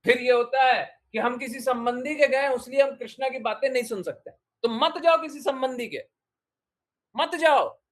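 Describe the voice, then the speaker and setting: A man's voice: very high voice, normal speed, few pauses, a bit bright. A man giving a devotional discourse, exhorting his listeners with repeated short commands and questions. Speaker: spiritual teacher.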